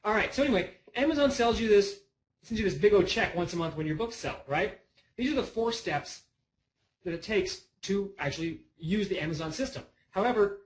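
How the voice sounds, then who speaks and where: Man, webinar presenter, casual and rambling, voice a touch high. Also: rough recording. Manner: rambling, chatty, self-interrupting. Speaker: online course presenter.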